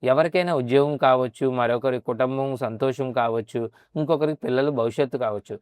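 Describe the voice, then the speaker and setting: A man's voice: mid-range voice, fast talker, a little mellow, clean tone, dry recording. A man narrating a temple's story and then guiding viewers around it in a polite, casual way. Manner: polite, adds a respectful "andi" often while showing the site. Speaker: travel vlogger and temple guide. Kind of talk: narration and casual guided tour.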